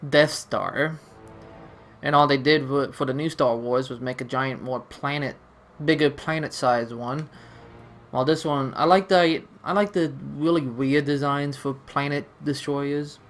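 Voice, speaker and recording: A man's voice: medium pitch, steady tone, a little slow, a bit bright, faint music behind. A man giving casual, rambling gameplay commentary, playfully talking to himself and the game. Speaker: let's-play gamer.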